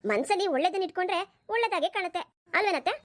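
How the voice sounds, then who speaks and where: A woman's voice: very high-pitched, lively intonation, very fast. A woman voicing a playful, mischievous young woman in a cartoon, speaking in a teasing, innocent-sounding way. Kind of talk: cartoon voice acting.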